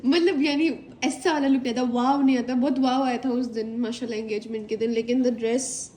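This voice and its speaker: A woman's voice: on the high side, fairly even intonation, moderate pace, roomy sound. A woman chatting casually and reassuringly with her sister, mixing in English words. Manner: gentle, reassuring, mixes Hindi-Urdu with English. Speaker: vlogger's sister. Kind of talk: casual family chat.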